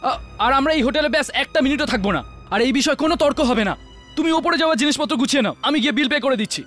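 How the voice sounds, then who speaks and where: Jumpy stammering husband, talks fast, high voice. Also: male voice, expressive, fairly bright tone, faint music behind. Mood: insistent. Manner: stammering, panicky. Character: frightened young husband seeing ghosts. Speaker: actor. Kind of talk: Bengali-dubbed TV horror drama.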